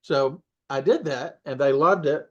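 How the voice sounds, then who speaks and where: A man, a puppeteer, telling stories in a casual interview. He rambles and corrects himself, often clearing his throat and coughing between thoughts. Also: a little high, measured pace, a bit bright, dull audio. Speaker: puppeteer guest.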